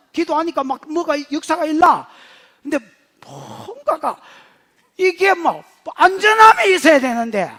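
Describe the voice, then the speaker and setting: Middle-aged Gyeongsang-accented male pastor, very high voice, funny animated preaching. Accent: Gyeongsang Korean. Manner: humorous, animated storytelling in dialect. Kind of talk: sermon.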